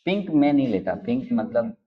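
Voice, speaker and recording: A man's voice: medium pitch, big pitch swings, normal speed. A male teacher giving a classroom lecture, playfully teasing his students, prompting them to answer and chanting letters in rhythm. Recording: tinny phone-like sound.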